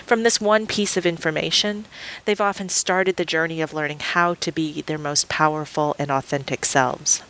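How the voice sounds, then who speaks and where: Low-voiced woman hosting a podcast. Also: steady tone, normal speed, low-quality recording. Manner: warm, encouraging, slightly hesitant questions. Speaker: podcast host, coach. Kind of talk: scripted intro, then casual interview.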